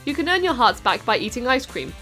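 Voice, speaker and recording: A woman's voice: on the high side, big pitch swings, fairly quick, sharp tone, faint music behind. A young British woman doing a bubbly, jokey review of a video game, with playful squeals and sing-song asides. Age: young adult. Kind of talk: upbeat comedic game review.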